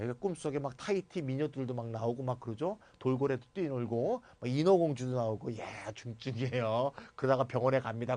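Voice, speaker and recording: A man lecturing on grammar in a high voice that swoops up and down. He is playful and animated, moves between formal and blunt casual speech, and acts out sample replies. The recording is dry and close. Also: no room sound.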